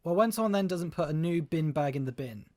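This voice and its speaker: A woman's voice: deep voice, lively intonation, brisk, mellow, dry recording, clean studio sound. A woman co-hosting a casual podcast, playful and teasing as she shares everyday gripes. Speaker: podcast co-host.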